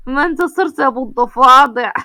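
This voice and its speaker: Gloating young man, Egyptian accent, slow deliberate talk, high voice, as a woman puts him on. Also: pushed and bright, no room sound. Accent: Egyptian Arabic. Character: triumphant young man getting revenge.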